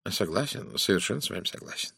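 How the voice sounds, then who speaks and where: A man's voice: low voice, animated, fast talker, creaky, sharp tone, husky, no room sound, clean studio sound, heavily acted. A man voicing a fussy older male detective who lectures suspects in a precise, theatrical manner. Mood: lecturing. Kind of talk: audiobook character reading.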